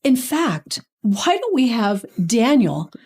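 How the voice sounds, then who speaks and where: A woman's voice: fairly high pitch, very animated, takes it slowly, darkish tone, husky, exaggerated voice. An actress playing a snobbish, mean aunt who scorns her poor relatives with a sneering manner. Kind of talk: short drama acting.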